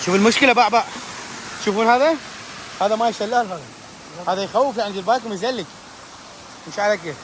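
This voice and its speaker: A young man with an Iraqi Arabic accent vlogging an outdoor trip, excited and anxious, calling out warnings to friends. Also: high voice, rapid-fire, pauses often, slight background noise. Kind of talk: outdoor adventure vlog. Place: outdoors by a waterfall.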